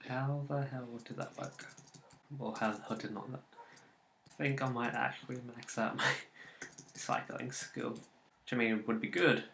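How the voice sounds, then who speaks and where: A man's voice: medium pitch, steady tone, a little slow, creaky, long pauses, fairly bright tone, echoey room, a little hiss or hum. A man commentating casually on a game he is playing, muttering and swearing at his failed attempts. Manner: muttering, swearing at failures, rambling. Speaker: let's play host.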